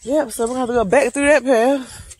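Hiking a wooded trail, a Charlotte, North Carolina woman in her late thirties films a casual vlog on a phone held at arm's length, chatting reflectively and motivationally to "y'all." Her voice is high and a little mellow, with fairly even intonation and a slightly fast pace, over slight background noise.

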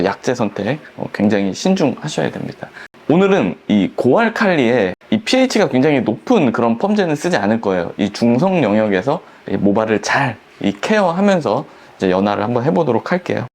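Lively-voiced man explaining a perm technique. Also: mid-range voice. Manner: explanatory, frequent filler "이제" and "어". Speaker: hair salon director. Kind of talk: instructional demonstration.

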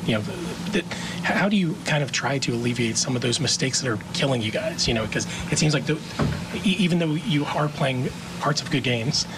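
A man's voice: medium pitch, lively intonation, brisk, noisy background. A man, a sports reporter, asking rambling, hesitant postgame questions.

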